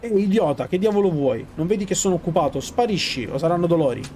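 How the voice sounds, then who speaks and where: A man's voice: sits high, lively intonation, fast, a little mellow, slight background noise. A man reading aloud the insulting, threatening lines of a male street thug in a video game. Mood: hostile.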